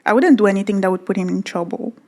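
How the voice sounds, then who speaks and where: Woman podcast co-host, mid-pitched, casual and earnest, quick to laugh. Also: a little mellow. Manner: storytelling, earnest, laughs easily. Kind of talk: casual chat.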